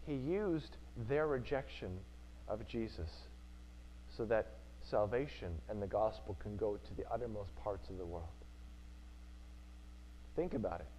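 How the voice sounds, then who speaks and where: A man's voice: mid-range voice, lo-fi sound, slight background noise. A male preacher giving an earnest sermon in church, repeating key phrases for emphasis.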